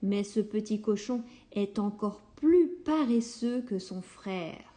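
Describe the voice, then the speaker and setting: Slow, mellow woman storyteller. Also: mid-range voice. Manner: calm and unhurried. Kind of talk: children's story reading.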